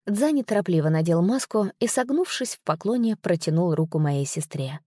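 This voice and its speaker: A woman narrating a story in a measured, unhurried storytelling manner. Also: on the low side, expressive, dark tone, dry recording, clean studio sound. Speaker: audiobook narrator. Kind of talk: scripted narration.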